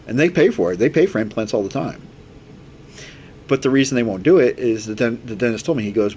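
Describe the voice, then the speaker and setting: A man in his forties with an average-pitched voice chats loosely as he streams a game. He rambles from story to story in an informal, blunt way, quoting people as he goes. There is noticeable background noise behind him. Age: 40s. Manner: rambling, animated retelling with quoted dialogue and swearing. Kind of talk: casual chat while playing a video game.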